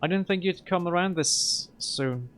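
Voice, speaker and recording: A man reading a game aloud and voicing a nervous, defensive male hacker in a higher, strained voice. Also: a little slow, fairly bright tone, clean tone.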